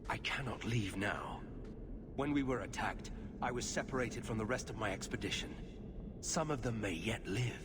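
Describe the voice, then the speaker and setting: Solemn, measured warrior played by a man. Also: fairly low pitch, natural voice. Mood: solemn, resolute. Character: grave, guarded male Grey Warden warrior. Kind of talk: video game voice acting. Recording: clear background ambience noise.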